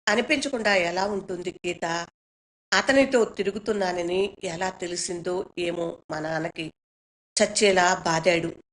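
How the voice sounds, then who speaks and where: A woman voicing a frightened young woman torn by family duty, speaking in a hushed, pleading way. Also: fairly low pitch, measured pace, close to an everyday voice. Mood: resigned.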